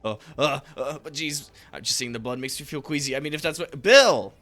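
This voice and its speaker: A man's voice: fairly high pitch, brisk, sharp tone, soft background music. A man doing a jittery flustered security guard. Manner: jittery, rambling.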